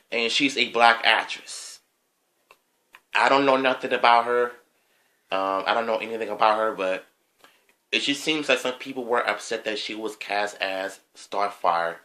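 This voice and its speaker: A man giving an unscripted opinion monologue on his video channel, hesitant, with frequent pauses, ums and throat clearing. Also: lowish voice, sharp tone. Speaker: vlogger.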